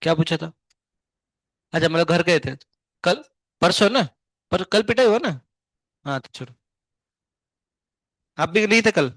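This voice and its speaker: A male physics teacher giving a live class lecture, firing quick questions at his students and explaining step by step. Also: high-pitched, animated, a bit bright, no room sound. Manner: chatty, scolding then explaining, asks students many quick questions; hums tunes to show wave shapes.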